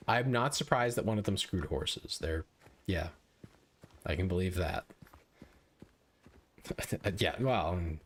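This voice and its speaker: Male streamer, low voice, loose rambling banter with viewers mid-game. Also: slow, long pauses, slight background noise. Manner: chatty, rambling, joking with viewers. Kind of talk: casual live-stream gaming chat.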